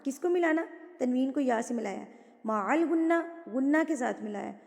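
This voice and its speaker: A woman teaches recitation rules in a patient, step-by-step way, asking and answering her own questions. Her voice sits high, and her recited verses are slow and drawn out. A long reverb trails behind her words. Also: animated, gravelly, a little mellow. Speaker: Quran tajweed teacher.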